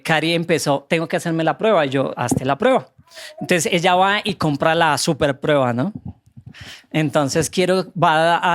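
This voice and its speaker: A man tells his story of faith as a podcast guest. He speaks earnestly and acts out the voices in the story. He then turns to urge listeners never to give up. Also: fairly high pitch. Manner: earnest, animated storytelling with acted quotes. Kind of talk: testimony and faith exhortation.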